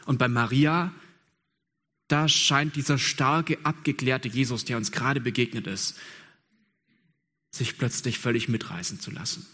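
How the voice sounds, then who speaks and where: A man delivers a sermon with earnest emphasis, stacking repeated phrases and posing questions to his listeners. His voice has a husky, slightly breathy edge. Long reverb trails behind each phrase, as in a large church hall. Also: mid-range voice, steady tone, a little slow, pauses often, pushed and bright. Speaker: preacher.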